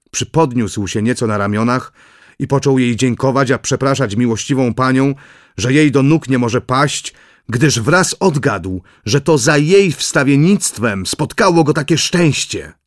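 A male narrator reading a historical novel in a steady, measured voice. His voice sits at a middle pitch, and the recording is close and dry. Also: no room sound. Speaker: audiobook narrator.

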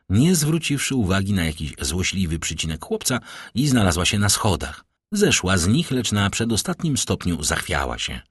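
Guy narrating an old novel audiobook, low husky voice, super lively, dry sound. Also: no room sound. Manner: expressive, voices every character.

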